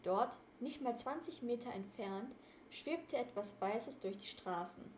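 Brief: female storybook reader, fairly high voice, steady delivery, echoey room. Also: measured pace, slight background noise. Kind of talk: storybook reading. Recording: roomy echo.

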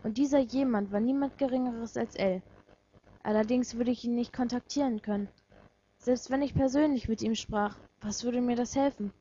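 A woman reading a first-person fan story aloud in a measured, quiet and reflective way. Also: a little high, slightly rough, lo-fi sound.

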